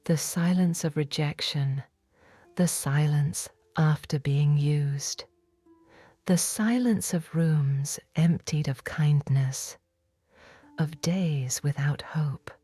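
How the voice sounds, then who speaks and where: A whispered role-play of a forgiven woman of biblical times, voiced by a woman, tender and awed. Her hushed voice sits low and mellow, unhurried and reverent, close and dry against a faint musical bed. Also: no echo, faint music behind. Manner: hushed, reverent, intimate first-person storytelling. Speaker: audiobook narrator.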